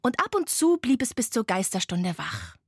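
A woman narrating a children's bedtime story in a gentle, expressive, often hushed way, with a breathy voice. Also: medium pitch, normal speed, no room sound, studio quality.

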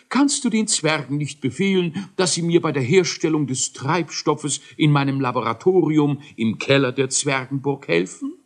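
A man's voice: on the high side, pitched above the performer's own voice. A man doing a fussy, whiny dwarf scientist. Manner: whiny, fretful, hesitant. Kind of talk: audiobook character voice.

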